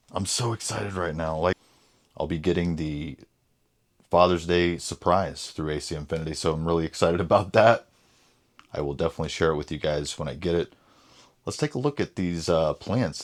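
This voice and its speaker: A man giving an enthusiastic, casual show-and-tell vlog from beside his indoor grow tents, often addressing viewers as "ladies and gentlemen.". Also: sits low. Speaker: home grower vlogger.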